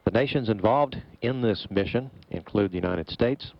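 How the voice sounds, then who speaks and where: A man giving measured, formal, explanatory commentary as a mission operations announcer. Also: lowish voice, creaky, no room sound. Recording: dull, muffled broadcast feed.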